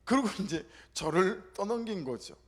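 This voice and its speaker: A man's voice: high-pitched, normal speed. A middle-aged male pastor from southeastern Korea telling a personal story in a sermon, acting out the quotes as he goes. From South Korea, Gyeongsang region. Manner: animated storytelling with acted-out quotes.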